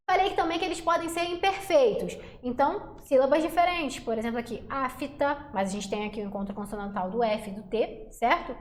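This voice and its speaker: A woman teaching a Portuguese phonetics lesson for exam prep in a casual, chatty way, slowing down to sound out syllables. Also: high-pitched. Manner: casual, chatty, addresses class as galera and gente. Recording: roomy echo.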